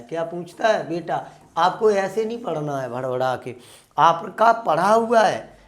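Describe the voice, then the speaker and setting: High-voiced, slow-paced male teacher. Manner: quizzing students, answering his own questions; calls listeners "beta". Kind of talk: online exam-prep lecture.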